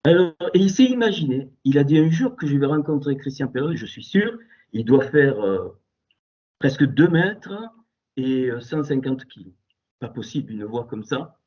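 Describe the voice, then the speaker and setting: A man with a strong, loud voice giving an impassioned Torah teaching, animated and exclamatory, moving between soft asides and sudden raised outbursts over a Skype call. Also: medium pitch, moderate pace, slightly rough. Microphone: computer mic on a Skype call. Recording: dull lo-fi Skype audio.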